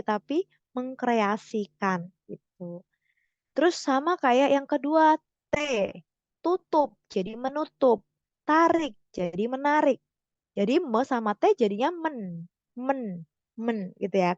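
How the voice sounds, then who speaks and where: Young woman tutor, kinda high voice, casual explaining, dry slightly dull mic. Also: dry recording. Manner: casual, self-correcting, stresses example words slowly. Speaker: online tutor. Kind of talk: explaining grammar lesson.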